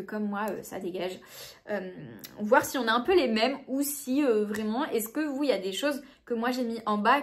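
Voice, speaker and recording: A woman in her late twenties, a book vlogger chatting casually to camera and thinking aloud with lots of fillers. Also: on the high side. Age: late 20s.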